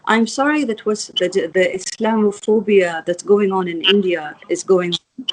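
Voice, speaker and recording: Emirati woman guest, earnest and halting, often restarting. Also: medium pitch, low-quality recording. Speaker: interview guest. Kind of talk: video interview.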